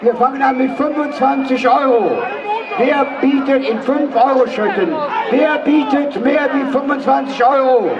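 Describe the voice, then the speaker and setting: Man, live auctioneer, very high voice, measured bid counting, muffled distant outdoor PA. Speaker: event host and charity auctioneer. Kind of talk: live auctioneer calling bids. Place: outdoor street event on a public square. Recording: loud noisy crowd, muffled distant outdoor PA. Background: loud crowd and street noise.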